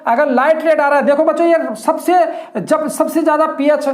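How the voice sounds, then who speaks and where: A woman's voice: high-pitched, normal speed, darkish tone. A woman teacher explaining a lesson in a repetitive way, often calling her students children. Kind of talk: classroom-style lesson explanation. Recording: echoey room.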